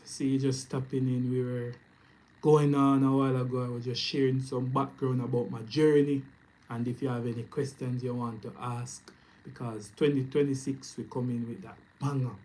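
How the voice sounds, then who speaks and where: A Jamaican man talking casually to his camera, his voice at an ordinary middle pitch. He chats loosely and upbeat, piling on greetings and shout-outs. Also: little pitch movement, moderate pace, rough recording. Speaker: YouTube trading streamer. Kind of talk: casual live stream chat. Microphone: camera mic, speaking to camera.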